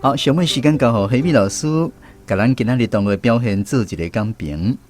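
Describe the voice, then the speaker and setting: A radio host with a Taiwanese accent leads a language quiz segment, speaking a little fast in a mid-range voice. Instrumental music plays behind him.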